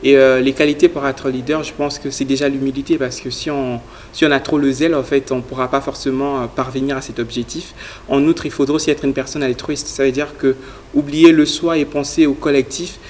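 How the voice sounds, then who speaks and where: A young man from Congo, speaking as a guest in a studio interview, explains his youth leadership project. His mid-range voice stays flat and even, earnest but full of fillers, with a little hiss or hum in the background.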